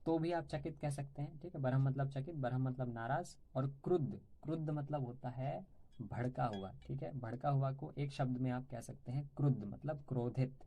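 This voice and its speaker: A man with a dark, mellow tone teaches vocabulary at a relaxed conversational pace. He explains each word patiently and keeps checking in with his listeners, the way a tutor walks students through a lesson. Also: medium pitch. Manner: sings song lines softly and slowly.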